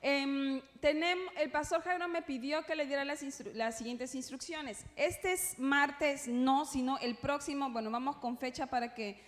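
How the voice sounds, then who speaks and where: A woman from Peru, with a Peruvian Spanish accent and a high voice, teaches a church class in a hall whose long reverb makes her voice ring. She's informal and unhurried with hardly any pauses, adding playful asides and frequent little checking tags.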